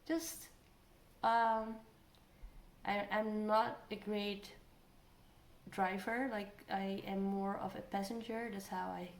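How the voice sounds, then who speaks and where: A woman's voice: mid-range voice, little pitch movement, slow, long pauses. A woman giving a casual tarot energy reading, thinking aloud, trailing off and repeating phrases as she goes. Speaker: tarot card reader. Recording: roomy echo, clear background noise.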